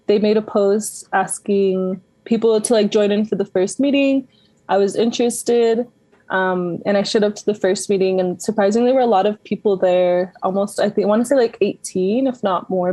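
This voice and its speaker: A woman in her twenties from Denver, a community organizer speaking softly and hesitantly as a guest on a radio interview. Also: medium pitch, dry recording. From Denver, USA. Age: 20s. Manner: soft-spoken, hesitant ums.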